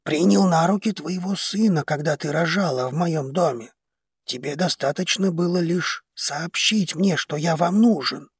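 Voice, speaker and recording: A man's voice: a little high, normal speed, slightly rough, no echo, studio quality, pitched above the performer's own voice. Man doing a stern old clan patriarch. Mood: gentle. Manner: stern, curt. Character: stern old head of a noble house.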